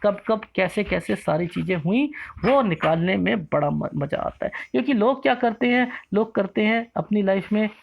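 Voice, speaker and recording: A man teaching palm reading, explaining the lines in a lively, repetitive way and asking himself rhetorical questions. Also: high voice, normal speed, gravelly, hardly any pauses, muffled recording, a little hiss or hum. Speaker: palmist teacher.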